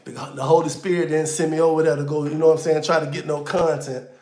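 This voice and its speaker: A man's voice: fairly high pitch, level tone, fast talker, a little mellow, reverberant. A man hosting a casual livestream, talking loosely and slangy straight to his viewers, with auto-tune on his voice. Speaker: livestream host.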